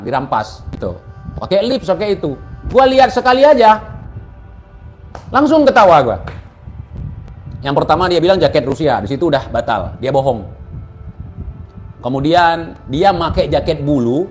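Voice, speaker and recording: Guy ranting and mocking, highish voice, keeps asking rhetorical questions, faint music behind. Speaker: commentator. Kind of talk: casual spoken commentary.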